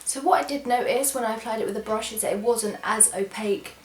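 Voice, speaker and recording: A fairly high-pitched young Englishwoman talks fast through a stuffy, cold-clogged nose while trying on products for her beauty vlog. She's chatty and enthusiastic, with apologetic asides, and the sound is reverberant.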